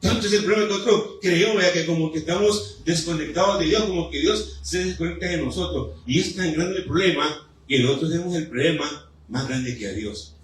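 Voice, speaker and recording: A man preaching a fervent sermon in a church, his voice pitched high. He builds his appeals through repetition and pauses. The sound is very echoey, caught from some distance in the hall. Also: a little hiss or hum. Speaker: pastor. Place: church sanctuary.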